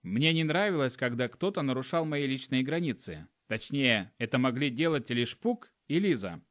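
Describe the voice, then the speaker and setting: A man's voice: mid-range voice, expressive, normal speed, no echo, studio quality. A man narrating a humorous first-person audiobook in a wry storytelling manner. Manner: wry storytelling with acted dialogue.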